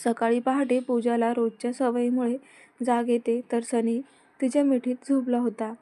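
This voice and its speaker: A woman reading a romance story aloud in a plain, steady way. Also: on the high side, moderate pace.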